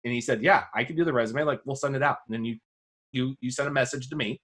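A man's voice: fast, fairly bright tone, breathy edge. A man and teacher in casual podcast conversation, telling rambling classroom stories and acting out the people he quotes. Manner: rambling storyteller, acts out quoted students with a high voice.

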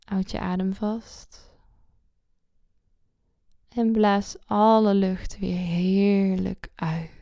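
A woman leading a guided meditation slowly and soothingly, close to the ear, her soft voice sinking into a breathy whisper at phrase ends. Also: mid-range voice, little pitch movement, no room sound, lo-fi sound. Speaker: podcast host.

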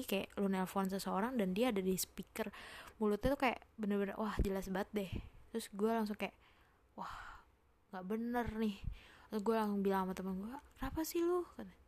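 A young woman telling a personal horror story, sometimes dropping to a whisper and rushing ahead when excited. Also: mid-range voice. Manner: drops to hushed whispers for suspense, speeds up when excited. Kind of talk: casual spoken horror story.

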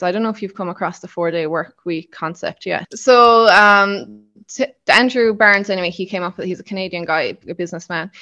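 A woman's voice: on the low side, pushed and bright, highs cut off. A woman in her late twenties with a Kerry accent from the south-west of Ireland, chatting casually as a podcast guest. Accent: Kerry, south-west Irish. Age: late 20s. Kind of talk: casual conversational interview.

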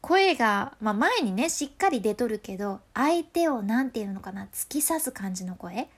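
A woman's voice: fairly high pitch, sing-song, normal speed, husky. A woman with a Hakata accent explains voice control in a casual, playful way, laughing often. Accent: Hakata dialect.

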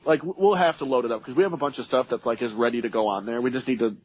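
A man's voice: medium pitch, rapid-fire, a little mellow, a little hiss or hum. A man co-hosting a podcast in casual, enthusiastic, slangy chat. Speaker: podcast co-host. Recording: slightly dull, lo-fi sound.

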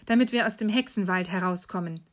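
A young boy from the fairy tale speaks plainly and matter-of-factly, as a woman reads him. His voice stays close to the reader's own, with a medium pitch. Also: fast, lightly acted.

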